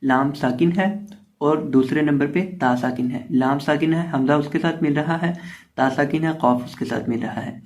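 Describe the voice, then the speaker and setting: Warm-voiced man teaching slow recitation. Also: a little high. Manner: explains rules, then recites syllables slowly and drawn out. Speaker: Quran reading teacher. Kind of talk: step-by-step recitation lesson. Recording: slightly muffled lo-fi recording.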